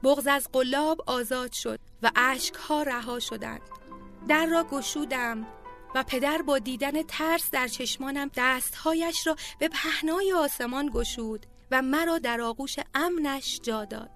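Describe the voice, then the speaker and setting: A woman narrating a personal memoir in a heartfelt, measured reading style. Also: high-pitched, fairly bright tone. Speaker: storyteller. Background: faint music.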